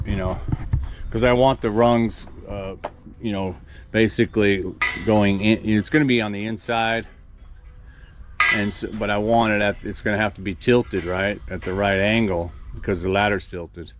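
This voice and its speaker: A man's voice: fairly low pitch, steady tone, normal speed, noisy background. A man in his sixties casually thinking aloud as he plans a build on his farm, rambling with many restarts. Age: 60s. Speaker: farm vlogger. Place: outdoor construction site on a farm.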